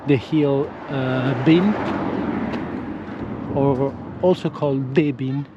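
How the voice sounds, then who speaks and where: Vlogging on foot outdoors, an Italian man speaks non-native English in a mid-range voice at a slow pace, hesitating and repeatedly restarting or correcting what he says. The recording, made with an action camera fitted with a windscreen, is dull and very noisy.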